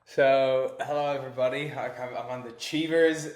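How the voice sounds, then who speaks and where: A man's voice: medium pitch, steady tone, normal speed. A man, a fitness coach chatting as a podcast guest, self-mocking, rambling, laughing often. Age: 20s. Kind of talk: casual chat. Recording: roomy echoey room.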